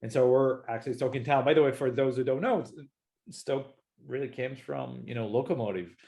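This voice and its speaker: A man in his forties with an Israeli accent, a startup founder talking casually in an interview, relaxed and hesitant. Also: medium pitch, fairly quick, vocal fry. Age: 40s. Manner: hesitant, many fillers and restarts, relaxed.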